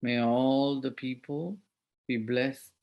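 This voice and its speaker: A man guides a meditation in a slow, unhurried voice with a gravelly, creaky edge. He gives soft, measured instructions and leaves long pauses between them. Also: mid-range voice, steady tone, muffled recording.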